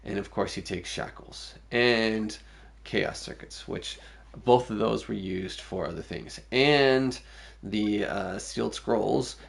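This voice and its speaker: Guy streaming a game, low gravelly voice, just thinking out loud. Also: slow pace, hardly any pauses. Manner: musing aloud, thinking through choices. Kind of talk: casual gameplay commentary.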